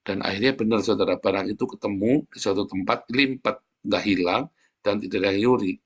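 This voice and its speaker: A man preaching an informal sermon, blunt and scolding in a colloquial way. He peppers his talk with asides to the congregation. His voice leaps high when indignant and drops low and slow when he tells a story. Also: breathy edge.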